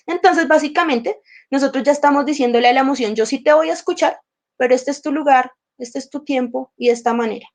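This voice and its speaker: A high-pitched woman teaching a workshop on emotional intelligence. She speaks conversationally and slips into short acted dialogues with her own feelings, and her throat sounds slightly sore. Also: fairly quick.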